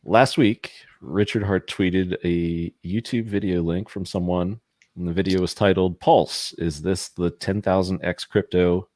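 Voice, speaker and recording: Upbeat male host, low voice, dry close sound. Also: steady tone, measured pace, a little mellow, no room sound. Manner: upbeat quiz-master, laughs often. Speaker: host running trivia. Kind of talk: casual live-stream chat.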